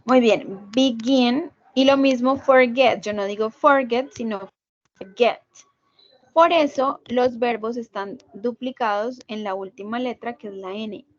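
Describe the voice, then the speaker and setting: Woman teacher on a video call, patient step by step explaining, kinda high voice, muffled lo-fi audio. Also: moderate pace, hardly any pauses, no echo. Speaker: English teacher. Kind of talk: online class lecture.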